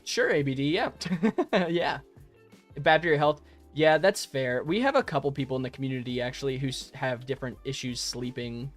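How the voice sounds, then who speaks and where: Faint music sits behind a chatty young man casually live streaming while gaming and answering chat. His medium-pitched voice moves at a moderate pace, and he's friendly and rambling, laughing often and full of fillers and restarts. A modest home microphone records him.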